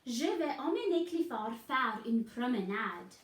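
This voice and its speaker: A caring young girl looking after her puppy, voiced by a woman reading a storybook. The voice is high and unhurried, with an echo from the room. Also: sing-song, recorded from a distance. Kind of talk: picture book read-aloud.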